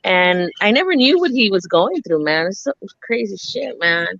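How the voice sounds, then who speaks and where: A woman's voice: mid-range voice, sing-song, moderate pace, fairly bright tone, dry recording, lo-fi sound. A woman in her forties, from Southern California, telling stories in a casual chat and laughing often. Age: 40s. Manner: laughs often, tells stories with lots of "I'm like".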